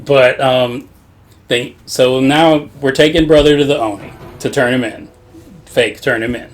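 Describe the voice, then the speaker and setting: Speaking a little slowly with fairly even intonation and medium pitch, this male podcast co-host walks through a video game plot in a loose, rambling way. The recap is full of profanity and frequent laughter.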